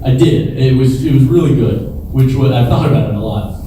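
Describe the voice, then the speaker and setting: A man's voice: mid-range voice, brisk. A man giving an informal talk and answering questions, rambling through stories and acting out bits of dialogue. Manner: rambling, animated storyteller, often quoting imagined dialogue. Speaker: venture capitalist guest speaker. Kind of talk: informal Q&A talk to a live audience. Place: large echoey indoor room with an audience. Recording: echoey room, far mic, clear background noise.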